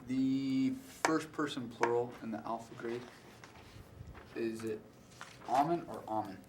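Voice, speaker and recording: A male student reading Greek aloud haltingly and answering his teacher in class. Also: medium pitch, noisy background.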